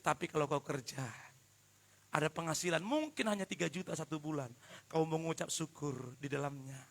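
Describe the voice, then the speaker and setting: A man preaching a live worship sermon, joking with the congregation and swinging from quiet asides to shouted emphasis. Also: fairly high pitch, animated, a little fast, creaky. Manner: addresses the congregation directly and often. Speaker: pastor.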